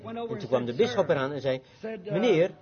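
A man's voice: on the high side, sing-song, fast talker. A man preaching a sermon, telling a story with rising fervor. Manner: storytelling, rising to loud fervent shouts. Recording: dull lo-fi live recording with crowd.

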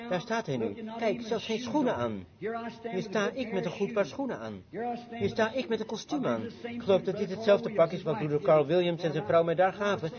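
A man preaching a sermon, telling a story with rising fervor. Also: high-pitched. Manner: storytelling, rising to loud fervent shouts. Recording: dull lo-fi live recording with crowd.

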